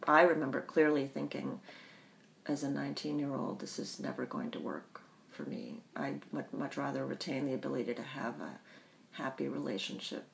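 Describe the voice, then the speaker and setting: Woman from the bahamas, low voice w/ some fry, talks slow n thoughtful, lots of ums, faint hiss. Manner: thoughtful, pausing often with ums. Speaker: interview guest. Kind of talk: reflective personal storytelling.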